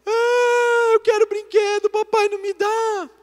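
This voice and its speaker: A man's voice: extremely high pitch, level tone, a little slow, in a large hall, pitched above the performer's own voice. A man voicing a crying, demanding toddler girl in a sermon story. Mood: wailing. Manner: wailing, demanding.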